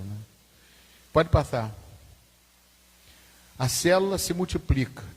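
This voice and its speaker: A man, a pastor teaching a Sunday school class in an informal, repetitive way, often asking the class questions. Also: fairly high pitch. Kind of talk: conversational church teaching. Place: church hall. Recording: husky voice in a reverberant church hall.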